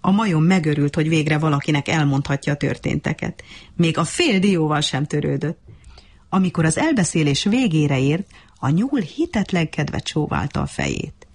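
A woman reading a children's animal story aloud in an expressive, lively way. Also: low voice, husky. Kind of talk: storybook narration.

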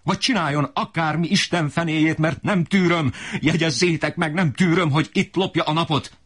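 A man voicing an enraged, desperate poor father who shouts in fury. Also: on the low side, sing-song, husky, voice pushed up, exaggerated voice. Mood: raging. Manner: shouting, raging.

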